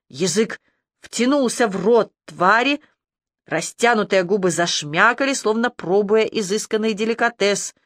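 A woman narrating an audiobook in a measured, dramatic reading style. Her voice sits at a middle pitch. It is recorded close and dry, with no room sound. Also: no room sound. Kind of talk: scripted narration.

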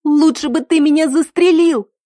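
A woman voicing a desperate young woman in love, pleading in high, strained, near-shouted lines. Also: normal speed, slightly rough, dry recording, studio quality, natural voice. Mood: distraught.

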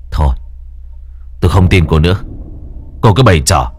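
A man voicing an impatient husband in an audiobook, talking in a brusque, hurried, dismissive way. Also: low voice, animated, slight background noise. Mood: irritated. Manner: brusque, hurried, stammering scolding.

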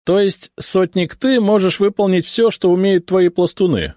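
A swaggering Cossack commander, as a male reader puts him on, loud and rustic, his doubting questions pitched well above the reader's low voice. Lively intonation in a dry, close recording. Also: moderate pace, no room sound. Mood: brash. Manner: brash, rustic Cossack speech.

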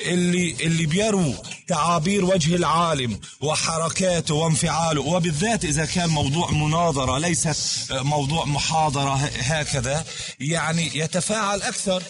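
A man questioning a scholar in a recorded religious discussion, laying out his points hesitantly with many fillers and losing his place. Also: a little high.

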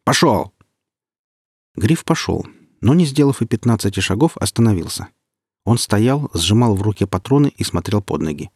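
A man reading an audiobook in an even, descriptive style. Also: on the low side, fairly quick, husky, no room sound, studio quality. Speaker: audiobook reader. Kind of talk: scripted narration.

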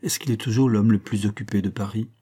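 A man voicing a hearty young husband who answers with quick exclamations in a storybook reading. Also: on the low side, fairly even intonation, warm tone, husky.

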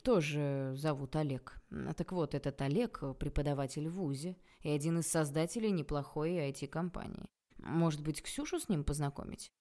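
A woman voicing a stern, bossy middle-aged father who talks in an irritated, gruff way, in an audiobook. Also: low-pitched, dark tone.

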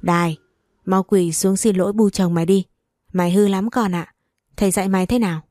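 A woman's voice: medium pitch, fairly even intonation, a little fast, dark tone, no room sound, clean studio sound, close to an everyday voice. A woman reading the lines of a stern, poor older village father in a storybook tale, scolding and harsh.

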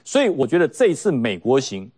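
A man's voice: mid-range voice, wildly swooping pitch, fairly quick, a little mellow, husky. A man giving mocking, emphatic political commentary on a talk show. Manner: mocking, emphatic, puts on quoted voices.

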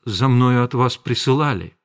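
A man reading an audiobook, voicing a reserved young woman who speaks quietly and curtly. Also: mid-range voice, normal speed, close to an everyday voice. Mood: restrained.

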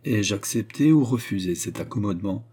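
Storybook queen, stern and scornful, voiced by a man with a husky tone. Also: fairly low pitch, animated, normal speed, dark tone. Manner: cold, cutting interrogation. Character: stern haughty queen, contemptuous and commanding. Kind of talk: audiobook reading.

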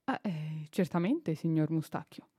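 A woman's voice: low-pitched, expressive, a little slow, mellow, breathy edge, dry recording, clean studio sound, exaggerated voice. A woman voicing a polite, earnest young boy speaking respectfully to his elder. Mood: wondering.

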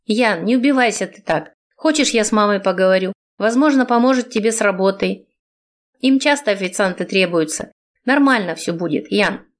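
A kind young woman friend in a storybook, speaking softly and reassuringly. A woman narrator voices her in a near-everyday voice. The tone stays calm and even. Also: medium pitch, moderate pace, close to an everyday voice. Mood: gentle. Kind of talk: audiobook reading.

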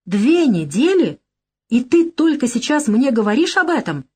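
A woman's voice: medium pitch, expressive, moderate pace, close to an everyday voice. A woman reading an audiobook, voicing a cocky, short-tempered male gangster boss with a brash, mocking manner. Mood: angry. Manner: brash, mocking, flares into shouting.

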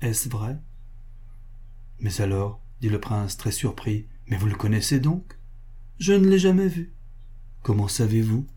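Brief: man playing a smitten, flustered prince, low, soft and mellow. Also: a little slow, long pauses, slightly rough. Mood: vexed. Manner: plaintive, flustered. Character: infatuated, vexed middle-aged prince. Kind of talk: audiobook character reading.

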